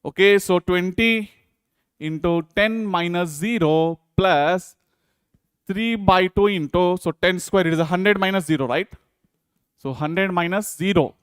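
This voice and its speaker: A man's voice: sits high, a little slow, clean tone, dry recording, studio quality. A man with an Indian accent teaching physics, working through exam problems step by step and often checking in with students. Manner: repetitive check-in questions to students. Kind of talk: exam problem walkthrough, lecturing.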